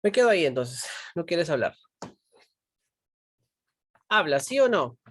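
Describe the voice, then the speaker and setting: In an online pre-university philosophy class, a woman speaks in a low, husky, very animated voice at a measured pace, captured in a dry recording. She constantly checks on her students, asking questions and urging them to answer.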